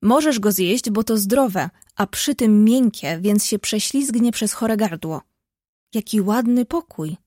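A woman reading an audiobook, voicing a bold, kind-hearted teenage girl who talks frankly and briskly. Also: medium pitch, expressive, mellow, no echo, clean studio sound.

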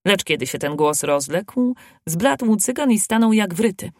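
A narrator reading a fairy tale aloud in a measured, expressive way. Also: mid-range voice, no room sound, studio quality. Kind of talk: storybook reading.

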